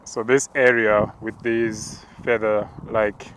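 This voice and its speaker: Man, preacher, slow, hushed, monotone, halting, walking outdoors. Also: on the low side. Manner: slow, hushed, halting and contemplative, with tongues-like words. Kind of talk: spoken prayer walk, narrated visions.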